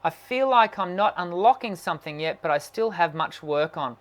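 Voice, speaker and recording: A singing teacher with a naturally high voice hosts a casual live stream, musing aloud and reading out viewer questions. He sounds animated at a moderate pace, with many fillers and restarts.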